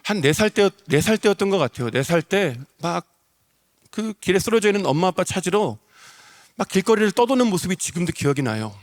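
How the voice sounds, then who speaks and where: A man's voice: high voice, sing-song, a little fast. A male pastor preaching an emotional sermon, repeating phrases for emphasis, in a large church sanctuary. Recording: long reverb of a church hall.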